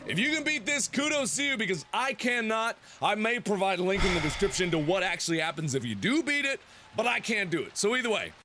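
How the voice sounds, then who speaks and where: Shouty high-voiced man, noisy clip. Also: very animated, brisk. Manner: shouty, silly taunting voices. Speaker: gaming video creator. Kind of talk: loud comedic gameplay commentary. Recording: noisy video clip played on stream.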